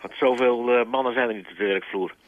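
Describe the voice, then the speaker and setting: A man's voice: medium pitch, fast, a little hiss or hum. Man calling in over a tinny phone. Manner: dry, boastful, rambling. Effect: heard over a phone line. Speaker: radio show caller. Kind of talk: casual chat. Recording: tinny dry phone line.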